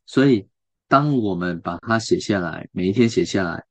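A man's voice: deep voice, lively intonation, normal speed, darkish tone, no room sound. A man with a Taiwanese Mandarin accent hosting a radio show, chatting casually about a book with many fillers and restarts and putting questions to his listeners.

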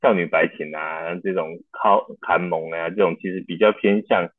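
A man hosting a casual interview, relaxed and laughing often, asking follow-up questions. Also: sits low, normal speed, slightly rough, no room sound. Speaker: host. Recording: dry phone-like line.

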